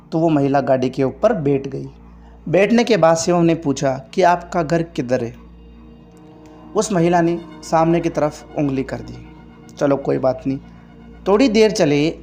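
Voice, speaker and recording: A man's voice: a little high, warm tone. A man casually narrating a horror story in a conversational way, with restarts and repetitions.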